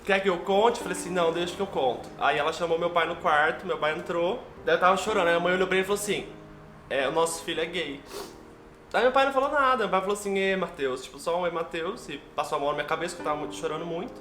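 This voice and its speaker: A man's voice: sits high, very fast, sharp tone, slight background noise. A young man with a Brazilian Portuguese accent, telling a personal story to his viewers in a heartfelt, emotional way. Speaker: vlogger. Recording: echoey room with background music.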